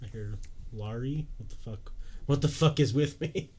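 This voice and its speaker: A man in his twenties co-hosting a podcast, teasing and animated in casual chat. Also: mid-range voice, normal speed, breathy edge. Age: 20s. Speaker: podcast host.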